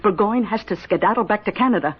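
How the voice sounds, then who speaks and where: A woman playing a feisty country aunt in a 1970s radio drama, folksy and emphatic, with a husky voice and a rural American accent. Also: mid-range voice, lively intonation, fast. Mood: eager, conspiratorial. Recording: dull lo-fi vintage radio broadcast.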